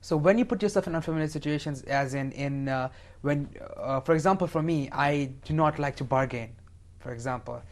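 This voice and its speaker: A man's voice: fairly high pitch, fairly quick. A seventeen-year-old boy from India, speaking as a talk show guest, with frequent fillers. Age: teen. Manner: hesitant, many fillers. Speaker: young guest.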